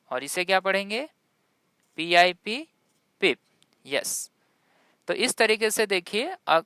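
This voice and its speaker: Woman, pronunciation teacher, Hindi native, slow deliberate pace, dry close-miked sound. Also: lowish voice, bright, forceful tone, smooth, no echo. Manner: spells words letter by letter and quizzes the viewer. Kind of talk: classroom-style spoken lesson.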